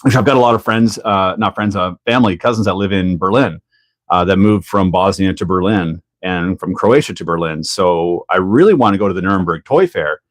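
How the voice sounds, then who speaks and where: A man's voice: low voice, brisk, dry recording, clean studio sound. A Canadian man hosting a live stream, chatting casually while he builds and answering viewers, with frequent laughs. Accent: Canadian English.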